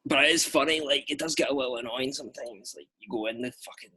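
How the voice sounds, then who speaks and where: A young Scottish actor appears as a guest on a podcast, chatting casually and telling stories in a lively way, with plenty of fillers. His mid-range voice is fast and slightly rough.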